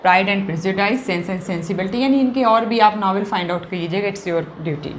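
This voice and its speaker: Slow emphatic teacher, woman. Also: mid-range voice, slight background noise. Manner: emphatic, drawn-out key words, keeps asking "clear?". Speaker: English teacher. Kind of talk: classroom lesson, Hindi-English mix.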